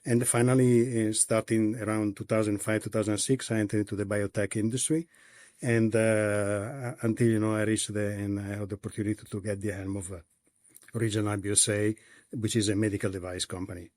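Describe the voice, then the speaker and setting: An Italian man with an Italian accent answers interview questions in the role of a company executive, stopping often and restarting. He has a lowish voice with little pitch movement and a darkish tone. There is no echo on the recording.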